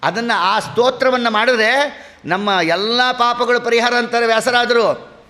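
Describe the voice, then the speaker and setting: A man with a Kannada accent giving a devotional sermon, chanting Sanskrit verses slowly between his explanations. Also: very high-pitched, fairly even intonation, sharp tone, big-room sound. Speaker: religious discourse speaker.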